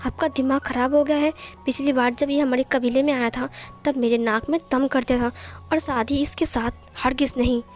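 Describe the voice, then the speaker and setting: A woman's voice: sits high, steady tone, moderate pace, a little mellow, faint music behind, natural voice. A woman voicing a stern, proud older uncle who scolds everyone, in a story reading. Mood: angry.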